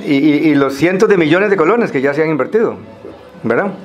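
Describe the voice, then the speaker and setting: Higher-voiced Costa Rican man explaining, halting delivery. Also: expressive, highs cut off, soft background music. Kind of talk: semi-formal spoken presentation to a group.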